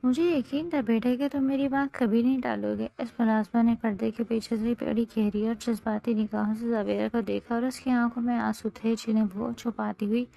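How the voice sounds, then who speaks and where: Brief: woman narrator, gravelly, mellow, slightly high voice. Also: low-quality recording. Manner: steady dramatic storytelling. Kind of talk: novel reading.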